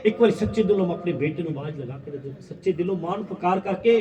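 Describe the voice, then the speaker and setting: A man with a Punjabi accent playing a gentle, devout queen who softly urges the king to pray. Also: high-pitched, quick pace, lightly acted. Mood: tender. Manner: soft, reassuring. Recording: echoey hall, distant dull mic, crowd.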